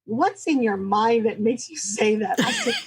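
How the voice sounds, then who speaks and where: A woman of sixty-nine, a guest chatting warmly about her marriage, quick to laugh and joke about herself. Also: a little high, very animated, slightly rough, rough recording. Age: 60s. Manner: chatty, laughing, self-joking. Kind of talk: casual interview chat.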